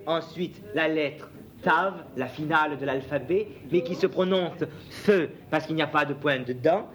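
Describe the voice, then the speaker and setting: A man teaching a lesson, slowly spelling out Hebrew letters and vowels for his students. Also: fairly high pitch. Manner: slow, spells letters aloud, addresses students. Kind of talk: classroom lesson reading Hebrew.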